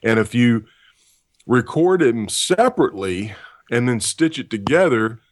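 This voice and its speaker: A deep-voiced male voice actor answers interview questions with dry, self-deprecating humor. He speaks expressively and without hurry, and there's no room sound on the recording.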